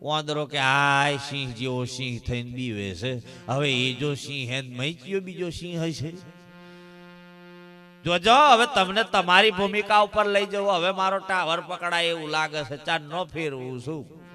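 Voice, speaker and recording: A man's voice: a little high, measured pace, faint music behind. A man with a Gujarati accent preaching a folk sermon at a village religious gathering, telling stories and firing rhetorical questions at the crowd. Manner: animated, addresses crowd as "saheb" and "bap", asks rhetorical questions. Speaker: bhajan satsang preacher.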